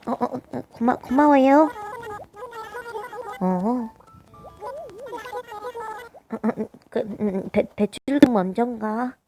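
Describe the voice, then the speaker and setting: A woman with a naturally high voice, chatting casually as she plays a life-sim game, hesitant and full of little filler sounds. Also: slow pace, long pauses, dark tone, soft background music. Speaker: game streamer. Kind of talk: casual gameplay commentary.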